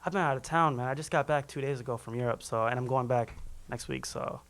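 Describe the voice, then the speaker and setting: A young man from Minnesota talks quickly and loosely as a guest in a casual interview. His voice carries a gravelly, creaky edge. He often restarts his sentences mid-thought. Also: mid-range voice. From Minnesota, USA. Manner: relaxed, loose, fast-talking with frequent restarts. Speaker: musician guest.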